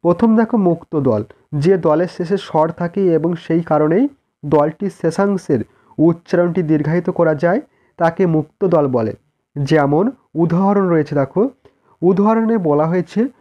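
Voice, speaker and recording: A man with a Bengali accent teaching an exam-prep lesson, reading answers out slowly and plainly and calling on students to look at each point. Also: a little high, mellow, lo-fi sound. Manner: slow, deliberate dictation with repeated cues to look.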